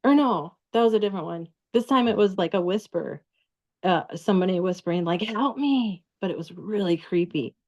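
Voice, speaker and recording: A woman talking casually as a guest, halting with many fillers and restarts. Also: lowish voice, darkish tone. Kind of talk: casual recorded conversation.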